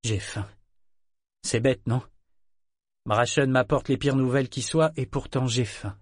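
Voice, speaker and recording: A man's voice: mid-range voice, fairly even intonation, no echo, studio quality, close to an everyday voice. Stern old grandmother, read by a man. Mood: grave. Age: older. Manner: grave, measured. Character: stern older grandmother, family matriarch. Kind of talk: audiobook character reading.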